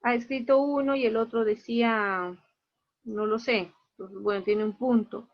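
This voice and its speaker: A woman's voice: a little high, fairly even intonation, measured pace, muffled recording. A woman teaching an online class, going through her students' grades one by one and explaining each mark in a plain, matter-of-fact way.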